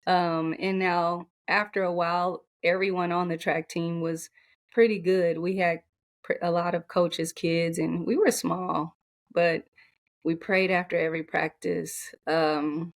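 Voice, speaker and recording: Soft-spoken woman, low voice, coach in an interview, rambling with restarts. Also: level tone, unhurried. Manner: rambling, many restarts and fillers. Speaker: coach, podcast guest. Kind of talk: conversational interview.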